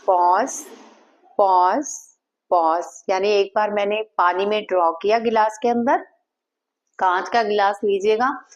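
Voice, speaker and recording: Calm woman guiding a meditation. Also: mid-range voice, lo-fi sound. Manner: calm, slow guiding with repeated chanted words. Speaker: Reiki teacher. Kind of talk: guided meditation instruction.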